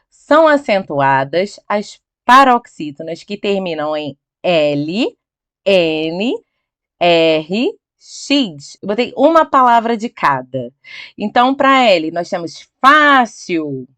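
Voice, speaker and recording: A middle-aged Brazilian woman teaching Portuguese grammar over slides, checking in often with her viewers and drawing out key words slowly for emphasis. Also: medium pitch, a bit bright, no echo. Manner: chatty, checks in with "tá?" and "ok?".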